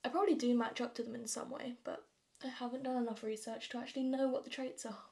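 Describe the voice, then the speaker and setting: A nineteen-year-old vlogger from London, England, with a southern English accent and a fairly high voice, chats informally to her viewers while getting ready. She comes across as self-deprecating and talks fast, with a flat, slightly mellow delivery.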